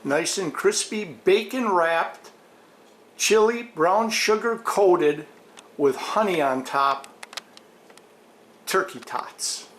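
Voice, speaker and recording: A man hosting a casual home cooking vlog, talking slowly and savoring the food as he tastes it in his kitchen. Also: sits high, reverberant, slight background noise. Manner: slow, relaxed, savoring food between lines. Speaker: cooking show host.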